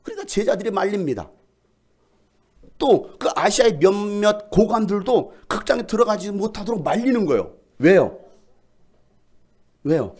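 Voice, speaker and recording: Animated, high-voiced male pastor. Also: normal speed, pauses often. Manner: animated, shouts and jokes with the congregation. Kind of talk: lively sermon. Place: church sanctuary.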